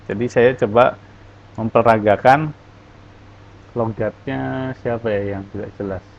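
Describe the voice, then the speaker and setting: A man's voice: medium pitch, measured pace, vocal fry. A man teaching an English lesson, explaining in one language and reading English example phrases aloud, in a dull lo-fi recording.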